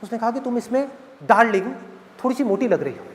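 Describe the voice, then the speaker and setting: A man's voice: very high voice, animated, quick pace. A man voicing a young newly married daughter, huffy and complaining on the phone to her father, recorded in an echoey hall. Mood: indignant.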